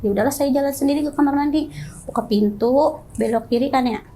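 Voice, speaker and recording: A young woman tells a personal ghost story as an interview guest. She talks in an animated way and acts out other people's lines in quoted voices. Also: sits high, a little fast, a little hiss or hum. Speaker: guest telling her story.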